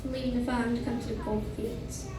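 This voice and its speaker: A woman's voice: fairly high pitch, little pitch movement, a little fast, recorded from a distance, close to an everyday voice. A young female performer playing a folksy old gold prospector in a school stage play, recorded from afar in a noisy echoey hall. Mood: proud, folksy.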